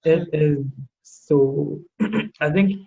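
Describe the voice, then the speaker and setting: Tipsy, halting Trinidadian man in casual chat. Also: on the high side, vocal fry, warm tone, breathy edge, muffled recording. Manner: tipsy, halting, searching for words. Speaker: guest in a makeup challenge video.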